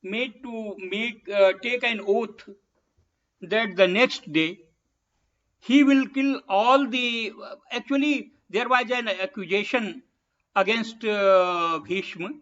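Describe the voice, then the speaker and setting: A man giving a public lecture in a halting way, with many pauses and restarts. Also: sits high, a bit bright. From India. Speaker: guest speaker. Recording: dull lo-fi lecture recording.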